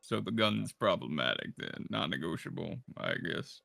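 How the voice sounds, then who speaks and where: A man's voice: sits low, expressive, normal speed, gravelly, bright, forceful tone, no room sound, studio quality. A man playing in a tabletop game, chatting casually, rambling and stammering. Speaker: player.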